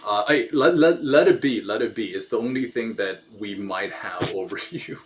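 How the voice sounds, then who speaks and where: A man's voice: lowish voice, animated, moderate pace, noisy background. A man co-hosting a casual streamed hangout, loose and laughing, swearing freely, on a weak video call microphone. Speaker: co-host. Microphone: weak video call mic.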